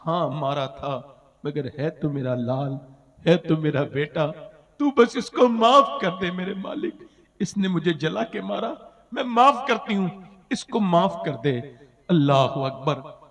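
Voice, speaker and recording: A man preaching an emotional storytelling sermon, swinging between loud cries and hushed, half-sung lines. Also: a little high, lively intonation, slow, in a large hall.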